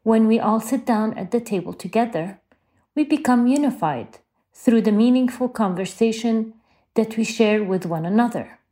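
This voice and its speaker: A woman's voice: a little high, normal speed, dark tone. A woman from Lebanon, a guest speaking earnestly in a personal reflection. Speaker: network member guest.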